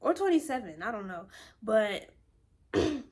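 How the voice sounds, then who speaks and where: A woman's voice: on the high side, big pitch swings, a little slow, darkish tone, husky. A woman in her twenties from Virginia tells a story in a casual, rambling way, full of fillers and asides. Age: 20s. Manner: rambling and chatty, with many fillers. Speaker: vlogger.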